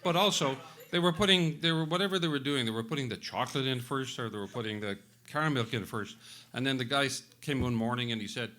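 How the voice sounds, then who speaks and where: Older male guest, bright voice, meandering anecdotes before a live crowd. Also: medium pitch, fast, hardly any pauses. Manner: rambling, chuckling anecdote teller. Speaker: festival director, panel guest. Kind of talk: casual storytelling at a live event. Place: live venue with audience.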